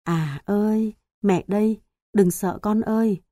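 A woman voicing a young mother who gently hushes her frightened child, in an audiobook story. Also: mid-range voice, slow pace, dry recording, studio quality, lightly acted. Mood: soothing. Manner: gentle, hushing lullaby tone.

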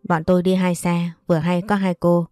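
A friendly, talkative young man makes breezy offers, as a woman storyteller voices him. The voice is low and mellow. The recording is dry, with faint music. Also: flat delivery, moderate pace, no room sound, close to an everyday voice.

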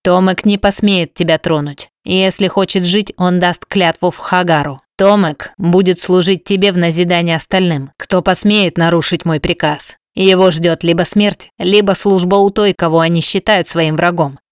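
A woman's voice: lowish voice, fairly even intonation, moderate pace, hardly any pauses, clear, resonant tone, no room sound, clean studio sound, natural voice. A woman voicing a stern male chieftain who speaks in curt, clipped commands.

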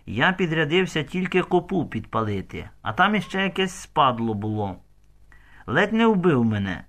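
A man's voice: fairly high pitch, big pitch swings, normal speed, fairly bright tone, pitched above the performer's own voice. A man voicing a menacing hired stranger who hisses and sneers his words. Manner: hissing, sneering.

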